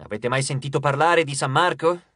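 A man plays a capricious male god who lectures his guests with breezy scorn in a storybook reading. The voice sits a little high and the recording is close and dry. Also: a little fast, a bit bright, dry recording, natural voice. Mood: lecturing. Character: haughty petulant male god, dismissive and capricious. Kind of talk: audiobook character reading.

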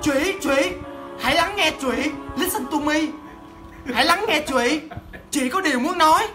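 A man voicing a pregnant woman who calls out high and urgently, over music. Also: normal speed. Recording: music underneath.

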